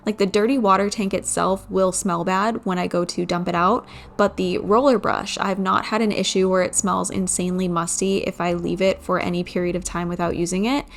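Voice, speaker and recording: A woman's voice: on the low side, fairly even intonation, a little fast, vocal fry, hardly any pauses, slight background noise. Chatty woman vlogger. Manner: chatty, candid, a little weary. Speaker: home cleaning vlogger. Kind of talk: casual vlog voice-over.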